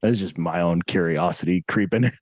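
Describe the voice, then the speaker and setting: A man with a deep voice hosts a podcast interview at a moderate pace, recorded with no echo. He's upbeat and chatty, laughs easily, and often trails off into rephrasing his questions during the casual conversation.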